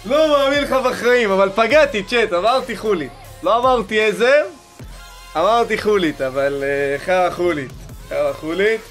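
A young man giving excited, slangy commentary while opening game packs, pleading for good cards and shouting at big pulls. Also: sits high. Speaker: gaming YouTuber. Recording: music playing underneath.

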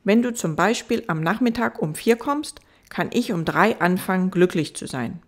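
A woman voicing a gentle, wise fox in an audiobook, earnest and patient as it explains. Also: mid-range voice, lively intonation, moderate pace.

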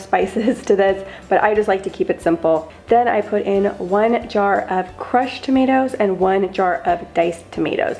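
A woman's voice: mid-range voice, vocal fry, darkish tone, echoey room. A young woman vlogger talking through her cooking steps in a chatty, upbeat voice-over. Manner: upbeat, chatty, step-by-step instructions. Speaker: lifestyle vlogger. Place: home kitchen.

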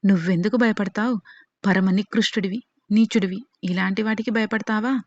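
A determined young woman, firm and unafraid, protective of her older sister, read by a woman storyteller. Her voice sits at a middling pitch on a dry, dull, lo-fi track. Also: steady tone, moderate pace, no echo, lightly acted. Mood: defiant. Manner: firm, defiant.

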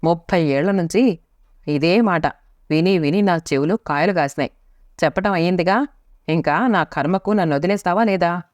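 A woman's voice: on the low side, moderate pace, darkish tone, no echo, natural voice. A woman narrator voicing a weary middle-aged husband who answers his wife curtly and with exasperation, in a storybook reading. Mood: exasperated. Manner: exasperated, curt. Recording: dry, slightly muffled lo-fi recording.

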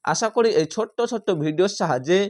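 A man teaching Quran reading who spells each word out slowly, syllable by syllable, then chants the whole word, and explains the rules patiently. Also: high-pitched, expressive, darkish tone. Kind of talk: spelling-out Quran recitation lesson.

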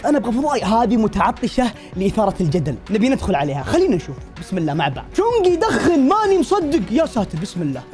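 Rapid-fire excitable Saudi young man. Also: music in the background. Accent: Saudi Arabic. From Saudi Arabia. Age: 20s. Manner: excitable, jokey, swings between high and low tones. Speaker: YouTuber reacting to videos about himself. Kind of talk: casual reaction commentary.

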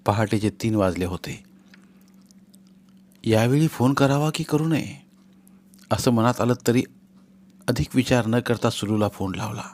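A man narrating a novel as an audiobook reader, in a steady, measured storytelling way. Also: medium pitch.

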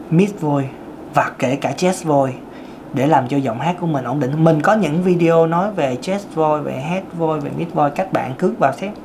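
There's background noise behind this man's voice, which sits on the high side. Addressing his viewers directly in a chatty manner, he runs a casual singing lesson as a vocal coach, showing off various vocal registers while explaining them.

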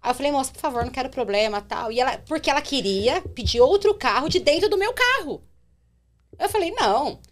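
A young adult woman, a rideshare driver telling a story on a podcast in an animated way. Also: high-pitched, fairly quick. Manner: animated, acts out quotes in her telling.

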